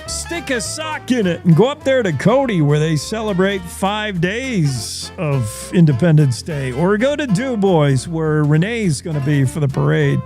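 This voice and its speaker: A man's voice: high-pitched, very animated, unhurried, hardly any pauses, a little mellow, soft background music. A man hosting a news show, giving folksy, opinionated commentary and repeating his points.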